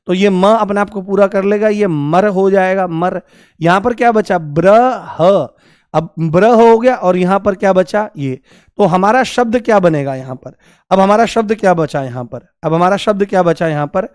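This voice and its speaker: A young man leads a grammar lesson in a high, clear voice, firing rhetorical questions at his class and stretching each answer out in a sing-song way. The sound is dry and close. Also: a little mellow, no room sound. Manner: repeats key answers in a drawn-out, sing-song way. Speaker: Hindi grammar teacher. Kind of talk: classroom lecture.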